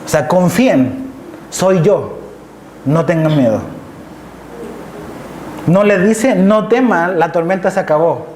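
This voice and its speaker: A man's voice: high voice, lively intonation, takes it slowly, pauses often, a little mellow, a little hiss or hum. A male pastor preaching an emphatic sermon to a live congregation, repeating key phrases and checking in with his listeners. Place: church hall, live service. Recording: echoey church hall with faint ambience.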